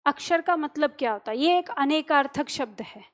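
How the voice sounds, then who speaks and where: A woman with a high voice teaches an online grammar lesson. She sounds letters out slowly, one at a time, checking that her listeners are following. She keeps putting questions to her students and then answering them herself. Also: animated. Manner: checks in often with "ठीक है" and "सही है?". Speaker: Hindi teacher.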